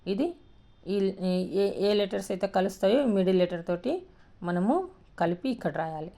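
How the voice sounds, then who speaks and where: A woman teaching a lesson, reading words aloud slowly and stretching out each syllable as she explains. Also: mid-range voice, lively intonation, mellow. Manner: slow, drawn-out syllable-by-syllable word reading.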